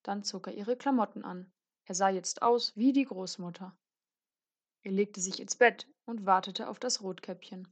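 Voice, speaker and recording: A woman reading a fairy tale aloud as a storyteller, in a clear and measured way. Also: medium pitch.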